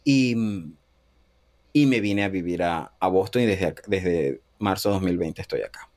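This interview guest, a man from Panama in his thirties, has a low voice and an unhurried delivery. Telling a personal story in a casual interview, he animatedly acts out the dialogue and laughs a lot.

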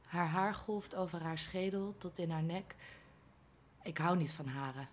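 A woman giving a quiet, understated first-person dramatic reading of a play text. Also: on the low side, unhurried, a little hiss or hum. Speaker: reader in a radio play reading.

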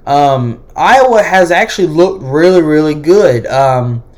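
A man hosts his own sports podcast solo, speaking a little slowly in a slightly high voice with lively intonation. His delivery is hesitant, with many fillers and restarts.

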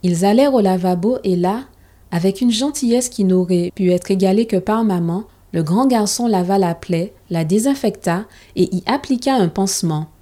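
Woman, storybook reading, calm and steady, warm mellow tone, mid pitch. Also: normal speed.

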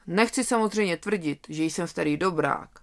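A reader doing an old toothless wolf, gravelly and grumbling. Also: mid-range voice, close to an everyday voice.

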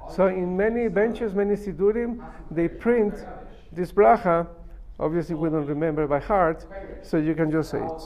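A man's voice: high voice, moderate pace, few pauses, a little mellow. A man gives a religious lesson. He speaks as a rabbi to his students, reading a phrase, translating it and repeating key points with emphasis. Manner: emphatic, repeats and explains step by step. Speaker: rabbi teaching a Talmud class.

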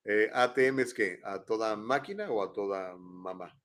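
The host, an older man with a Mexican Spanish accent, rambles chattily on a casual live show broadcast from his home, often adding tag questions. His voice is fairly low and a bit bright, at normal speed.

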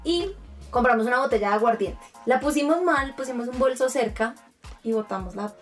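A woman, chatting casually as co-host and telling expressive stories, acting out quotes. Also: fairly high pitch, brisk, recorded from a distance, faint music behind. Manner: expressive storyteller, acts out quotes. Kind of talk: casual chat.

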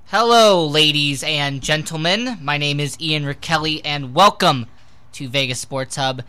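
A man hosts sports talk radio in a fairly high, forceful voice. The sound is very clear and crisp. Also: unhurried. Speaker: sports show host.

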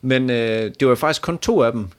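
Man, podcast co-host, casual chat, swears freely, laughs often. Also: medium pitch.

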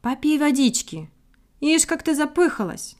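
A woman's voice: sits high, very animated, unhurried, a little mellow, voice pushed up. A woman voicing a kind old guard dog, folksy and brave. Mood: soothing. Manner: soothing, good-natured, folksy. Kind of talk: storybook reading.

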